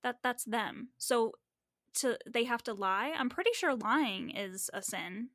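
Animated, swearing woman podcast host. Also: on the high side, a little slow, no room sound. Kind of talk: casual chat.

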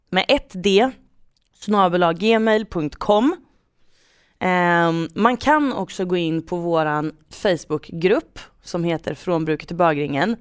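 A woman's voice: lowish voice, clear, resonant tone, dry recording, clean studio sound. A woman hosting a football podcast, talking casually as she guides listeners through the show. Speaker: podcast host.

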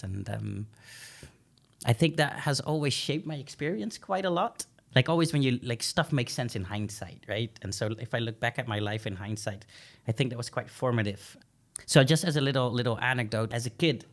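A young man from the Netherlands, a podcast guest speaking reflectively with many fillers and restarts. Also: medium pitch. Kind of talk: podcast interview.

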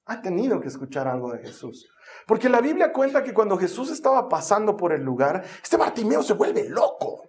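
In a brisk, high-pitched voice, a man preaches a sermon built around Bible stories. He tells them dramatically and with plenty of animation, cracking jokes along the way.

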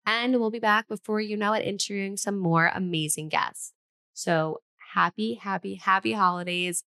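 A woman hosting her own podcast, speaking in a tired, slightly winded, raspy voice and chatting in a rambling way that often restarts sentences. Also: mid-range voice, moderate pace, bright, forceful tone. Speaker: podcast host. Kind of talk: solo podcast intro then casual chat.

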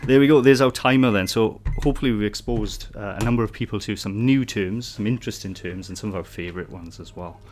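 Chatty low-voiced man. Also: fast talker, few pauses, darkish tone, slight background noise. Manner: chatty, asks rhetorical tag questions. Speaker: podcast co-host. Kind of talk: casual educational chat.

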